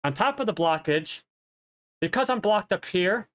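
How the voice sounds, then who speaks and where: The streamer's high-pitched voice is expressive and moves at a normal speed, though a cold leaves it nasal and he keeps coughing. He rambles and corrects himself during a casual update on his headset in his home streaming room; he's in his thirties.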